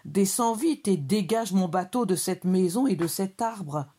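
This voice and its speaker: A woman's voice: medium pitch, animated, a little slow, dark tone, husky. A woman voicing a small, impatient young boy mouse who calls out urgently and demands help.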